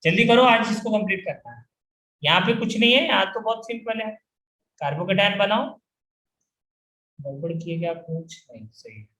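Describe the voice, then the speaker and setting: In an echoey room, a man gives a chemistry lecture at a moderate pace with long pauses, his high voice expressive and sharp. He keeps firing questions at his students and drilling the answers.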